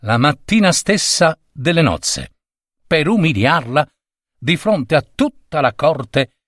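A man narrating a fairy tale expressively, with pauses and rising emphasis. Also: a little high, very animated, a bit bright, no room sound, clean studio sound. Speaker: storyteller.

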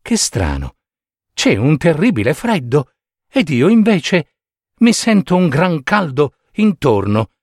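A man's voice: fairly high pitch, huge pitch swings, takes it slowly, no room sound, clean studio sound, voice pushed up, heavily acted. A man voicing a small, kind female swallow in a storybook, speaking earnestly and pleadingly. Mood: wistful.

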